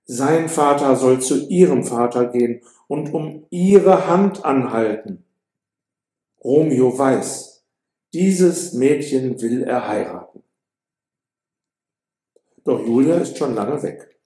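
A man narrating a story for an audiobook in a calm, measured way. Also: medium pitch, echoey room.

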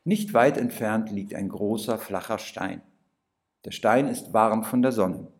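A man calmly reading a first-person story aloud, gentle and unhurried, with a few lifted exclamations. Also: fairly low pitch. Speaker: narrator.

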